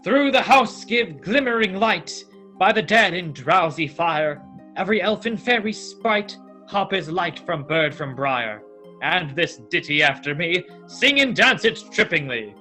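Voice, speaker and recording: Brief: a man plays a fairy king blessing a house, bright voice, light music. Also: high-pitched, lively intonation, unhurried, exaggerated voice. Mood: commanding. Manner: rhythmic incantatory verse. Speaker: student actor.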